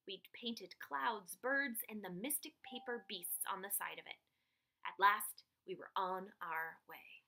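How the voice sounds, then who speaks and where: A woman with a medium-pitched voice reads a picture book aloud to children the way a teacher would, putting expressive, dramatic emphasis on key phrases.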